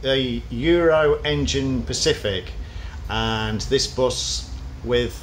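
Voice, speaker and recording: A man's voice: mid-range voice, slow pace. A man giving a casual, explanatory vlog commentary from inside a parked bus. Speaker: bus enthusiast presenting a video. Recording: noisy vehicle ambience.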